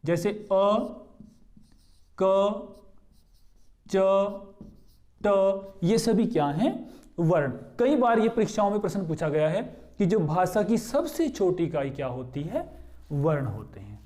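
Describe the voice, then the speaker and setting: A man teaching Hindi grammar who explains step by step, asks his own questions and answers them, and repeats key terms slowly. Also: high voice, very animated, dark tone. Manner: points to what he writes on a board. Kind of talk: explanatory lesson.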